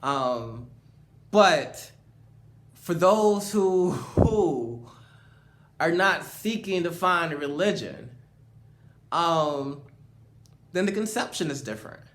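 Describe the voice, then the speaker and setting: A man's voice: on the high side, animated, slow, long pauses, a bit bright, slight background noise. A man hosting a casual chat, speaking reflectively, with loose phrasing and many fillers. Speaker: host.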